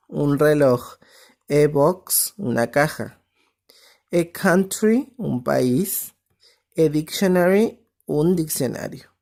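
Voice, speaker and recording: Slow, low-voiced woman teacher. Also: warm tone. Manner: explains step by step, often checks with "¿sí?". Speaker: English teacher. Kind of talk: recorded online class.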